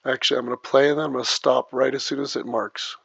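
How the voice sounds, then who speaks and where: A man teaching video editing step by step, narrating each click as he works, heard through low sample rate, muffled audio. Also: fairly even intonation, fast talker, creaky, a crowd in the background. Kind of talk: step-by-step screen tutorial. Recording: dull lo-fi dry voice track.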